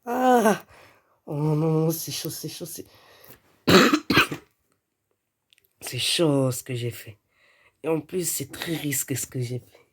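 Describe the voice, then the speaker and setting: A man's voice: on the high side, measured pace, slightly rough. A man giving live gameplay commentary, jumpy and prone to yelping and repeating words in a panic. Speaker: gamer playing online.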